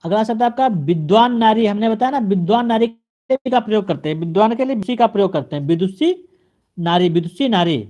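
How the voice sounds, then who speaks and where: A male teacher giving an exam-prep grammar lesson, addressing the viewer and repeating each correction in a steady drilling pattern. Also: sits high, brisk, dull audio. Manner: speaks straight to the viewer.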